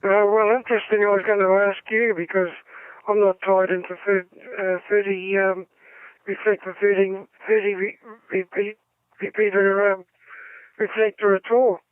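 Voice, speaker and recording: A man, a ham radio operator talking haltingly over a narrow AM-style radio link. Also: high-pitched, level tone, smooth, no room sound. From New Zealand. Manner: halting, many ums, signs off with "over". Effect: heard over a narrow AM-style radio link. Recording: tinny lo-fi radio audio.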